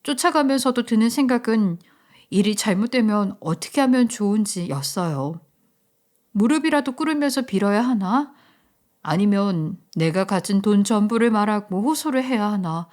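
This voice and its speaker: A woman reading a story as the narrator, in a soft, confiding way. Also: medium pitch, expressive, moderate pace.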